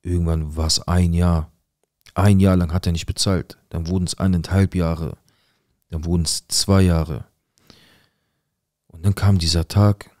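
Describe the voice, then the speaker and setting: Deep-voiced man telling a tense personal story. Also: level tone, a little slow, pauses often, a little mellow, no echo, clean studio sound. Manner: earnest and tense, with repetition for emphasis. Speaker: storyteller recounting his own past.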